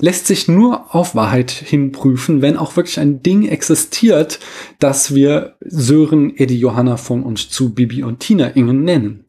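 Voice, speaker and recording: A man's voice: a little high, dark tone, breathy edge. A man hosting an educational podcast, reading a scripted explanation and dropping in dry, joking asides. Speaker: podcast host explaining philosophy. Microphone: podcast microphone.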